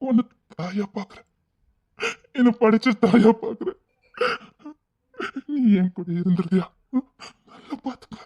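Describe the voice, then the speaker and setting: A woman's voice: medium pitch, unhurried, pauses often, slightly rough, dull audio. A woman doing a tearful, lonely man with a Tirunelveli accent. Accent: Tirunelveli Tamil. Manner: tearful, pleading, often hushed. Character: lonely, tender-hearted grown man, emotional. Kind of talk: emotional drama acting.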